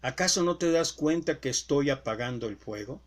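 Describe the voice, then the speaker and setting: A male preacher voicing a calm, steady little male hummingbird in a spoken fable. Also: on the high side, normal speed, close to an everyday voice. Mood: earnest.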